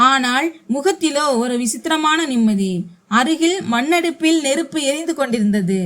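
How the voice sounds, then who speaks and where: A woman reading a scripted story aloud as narrator, giving the characters' quotes in her own voice. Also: sits high.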